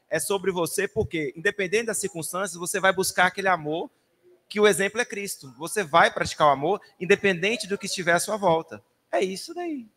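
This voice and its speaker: A man's voice: high voice, fairly bright tone. A man teaching a church Bible class, answering participants with short amens and summing up. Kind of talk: leading a church class discussion. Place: church hall.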